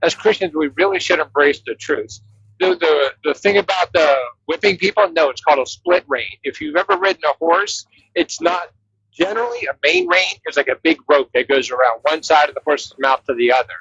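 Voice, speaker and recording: A man in an online group debate, talking insistently and quoting scripture, his voice thin and tinny with no bass, like a walkie-talkie. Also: expressive, a little fast, gravelly, a bit bright, husky, no room sound. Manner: insistent, cites scripture, breaks in to interrupt. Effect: thin tinny headset audio with no bass, like a walkie-talkie. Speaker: debate participant. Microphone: cheap headset. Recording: dull lo-fi headset line.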